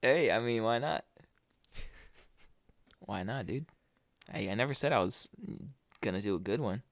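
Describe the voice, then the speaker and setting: A man's voice: on the low side, lively intonation, a little slow, no room sound. A man co-hosting a casual podcast, rambling through stories with lots of fillers and frequent laughter. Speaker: podcast co-host.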